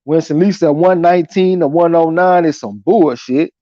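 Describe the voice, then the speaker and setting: A man with a slightly high, mellow voice hosts a live boxing chat. He talks casually, with slang and swearing, reading out comments and reacting. The audio is dry and somewhat dull and lo-fi. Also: moderate pace, no room sound. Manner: slangy, profane, conversational.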